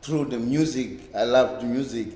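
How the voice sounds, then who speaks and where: The guest, a reggae bass player in his fifties from a Cape Town township in South Africa, has a mid-range, dark voice. He recalls things haltingly and at length, repeating words, in a casual oral-history interview. The echoey library room recording carries a little hiss or hum.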